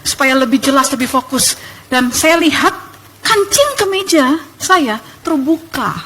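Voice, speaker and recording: A young woman telling her testimony in church, animated and emphatic, addressing the congregation. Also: high voice, a little slow.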